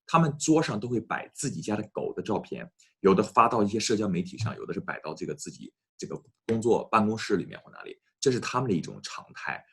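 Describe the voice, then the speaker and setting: A man teaching an English lesson, often addressing his students and slowly repeating English phrases for them to copy. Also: low voice, a bit bright, husky.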